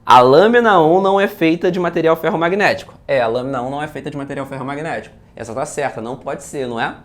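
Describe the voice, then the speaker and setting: A Brazilian-accented physics teacher works through exam questions in a video lesson, speaking quickly in a fairly high voice. He's lively and chatty, often checking whether his students are following.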